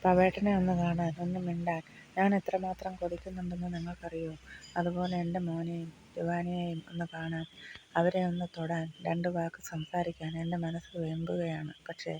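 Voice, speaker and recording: Captive mother pleading for her family, voiced by the audiobook reader; even, gravelly delivery. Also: lowish voice, moderate pace, highs cut off, slight background noise, close to an everyday voice. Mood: urging. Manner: pleading, sorrowful questions. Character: grieving mother held captive far from family. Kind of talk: audiobook reading of a novel.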